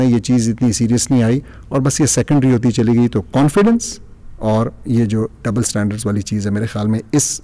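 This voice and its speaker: Mellow-voiced man from Pakistan. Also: medium pitch. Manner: reflective, mixes English phrases into his speech. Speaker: guest speaker on parenting. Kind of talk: earnest podcast discussion.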